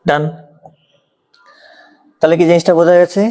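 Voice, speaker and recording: A man's voice: on the high side, little pitch movement, normal speed, a little mellow. A man with a Bangladeshi Bengali accent teaching an exam-prep grammar lesson, explaining step by step and often checking if the learner follows.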